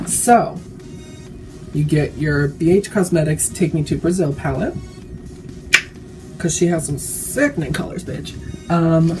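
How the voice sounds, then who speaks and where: Tipsy woman rambling, lowish voice. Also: rough recording. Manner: casual, frequent swearing. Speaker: makeup tutorial vlogger. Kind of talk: casual, chatty makeup tutorial.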